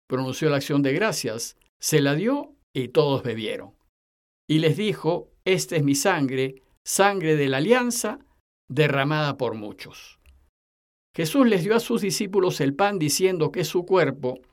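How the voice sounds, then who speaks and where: Man preaching a structured homily. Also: fairly high pitch. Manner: structured, explanatory delivery. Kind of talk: homily on the day's Gospel.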